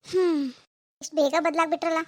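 A woman's voice: very high voice, steady tone, fairly quick, no room sound, studio quality. A woman playing a snobbish young woman of the family who scoffs in disbelief at her mother-in-law's change in a homemade family drama skit. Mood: doubtful. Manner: doubtful, scoffing.

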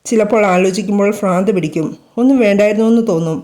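A woman's voice: medium pitch, very fast, mellow, lightly acted. A woman doing an earnest young student girl. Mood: worried.

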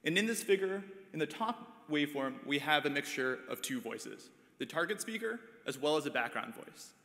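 A man with a fairly high voice presents research results at a conference. He walks through the figures step by step, with a few fillers. His voice rings with a long hall reverb. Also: lively intonation, moderate pace, pushed and bright. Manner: explains figures step by step, light filler words. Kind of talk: prepared research talk.

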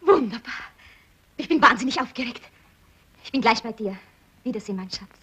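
An actress plays a headstrong, cheeky young daughter in a 1960s film comedy. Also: female voice, a little high, animated, fairly quick, bright, forceful tone, husky, full character voice.

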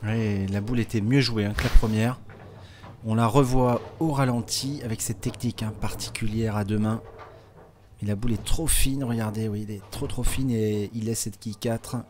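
A man's voice: on the low side, steady tone, normal speed, darkish tone, a little hiss or hum. A man giving live bowling commentary, chatty and explanatory, with many small fillers. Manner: chatty, explanatory, with frequent hein and euh fillers.

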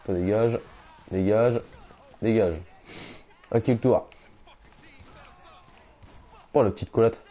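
A young man chatting casually on a game live stream, reading out viewers' messages and answering them in slangy, relaxed talk. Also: on the low side, slow pace, long pauses. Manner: slangy, reads chat aloud and answers viewers. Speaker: gaming streamer. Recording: dull lo-fi stream audio.

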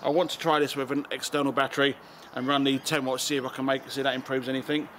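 An English-accented man in his forties hosts an amateur radio vlog outdoors, talking casually to a camera or phone held about arm's length away. His mid-range voice is quick, flat and a bit bright. The garden and open high spot carry ambient background noise.

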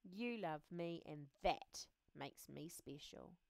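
A woman voicing a gentle, sleepy little male caterpillar in a storybook read-aloud, speaking softly and earnestly. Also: sits low, lively intonation, slow pace, vocal fry, no echo, voice pushed down, full character voice. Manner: soft, earnest, sometimes hushed.

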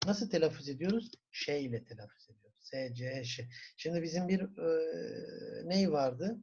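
A man with a Turkish accent teaching a German class, asking the students questions, answering them himself and repeating words slowly for pronunciation. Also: fairly high pitch, animated, background noise. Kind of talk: classroom lesson. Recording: dull lo-fi recording.

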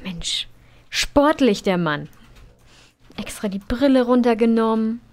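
A woman's voice: a little high, lively intonation, normal speed. A woman streaming a life-simulation game, chatting casually, laughing and scolding her characters. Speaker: let's play streamer. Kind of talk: casual gameplay commentary.

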